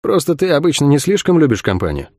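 A man voicing a friendly, easygoing young male acrobat in an audiobook, speaking gently. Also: fairly high pitch, big pitch swings, quick pace, no echo, studio quality. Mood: calm.

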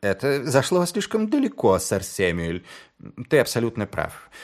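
A man voicing a poised, commanding aristocratic woman in an audiobook, raising his pitch high. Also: huge pitch swings, moderate pace. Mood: brisk. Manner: clipped, composed, pitched high.

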